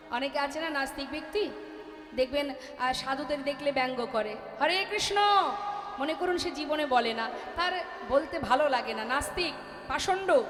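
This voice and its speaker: A Bengali woman preacher giving a devotional sermon in storytelling fashion and addressing listeners directly. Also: sits high. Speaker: kirtan singer and preacher. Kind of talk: devotional chanting and spoken sermon. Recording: echoey hall with music.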